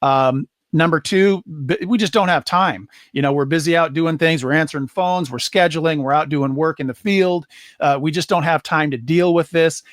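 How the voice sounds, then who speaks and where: Dry-sounding man pitching software casually. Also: moderate pace, dry recording. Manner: conversational, many fillers and restarts. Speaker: marketing presenter. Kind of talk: casual sales explainer.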